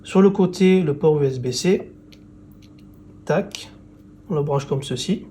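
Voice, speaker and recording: A man presenting and unboxing phone accessories in a casual, relaxed way, with frequent fillers. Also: on the high side, unhurried, a little hiss or hum. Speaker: tech reviewer.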